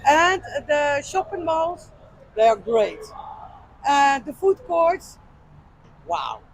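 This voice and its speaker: A woman's voice: high-pitched, very animated, takes it slowly, slight background noise, rough recording. A woman with a Dutch accent, answering in short, simple phrases and sounding unsure of her English. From Netherlands. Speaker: interviewee. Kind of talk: casual street interview.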